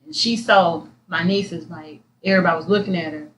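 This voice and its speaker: A woman's voice: fairly low pitch, steady tone, a little fast, a little hiss or hum. A woman co-hosting a podcast in casual chat, blunt and profane, laughing as she tells stories. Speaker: podcast co-host.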